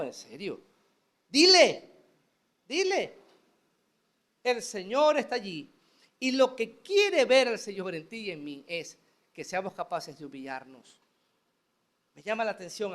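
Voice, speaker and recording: A man preaches a sermon, acting out prayers and voices as he goes. His voice sits high and swings widely in pitch, rising and dropping with each point. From Venezuela. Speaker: pastor.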